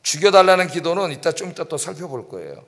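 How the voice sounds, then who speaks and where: Male pastor, high-pitched, lively sermon delivery, long church reverb. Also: quick pace. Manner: animated, acts out prayers and rhetorical questions. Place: church sanctuary.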